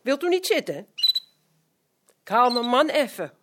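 An actress playing a polite housewife who chats with a visitor. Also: female voice, fairly high pitch, very animated, unhurried, noisy background.

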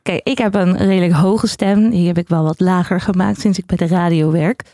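A woman's voice: fairly low pitch, steady tone, brisk, dark tone, no echo. Female co-host, dry studio-close voice. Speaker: podcast co-host and radio worker. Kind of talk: casual chat.

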